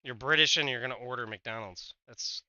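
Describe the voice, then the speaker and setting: A man's voice: medium pitch, a little fast, bright, forceful tone, highs cut off. A man streaming a game, chatting casually with a teammate, swearing often and trailing off mid-sentence. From United States. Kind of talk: casual gaming chat.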